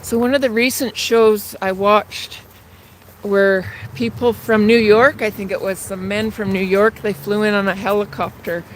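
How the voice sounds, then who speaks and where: A slightly breathless woman in her fifties livestreams outdoors, walking a city street near traffic and train tracks with her phone in hand. She talks to viewers in a chatty, rambling way, her mid-range voice fairly even and moderately paced. Poor audio picks up the traffic around her.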